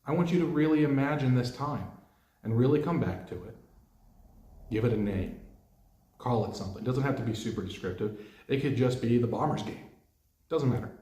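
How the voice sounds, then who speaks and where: A man coaching players through a mental exercise, calm and direct, asking many questions. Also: medium pitch, reverberant. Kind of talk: guided coaching lesson.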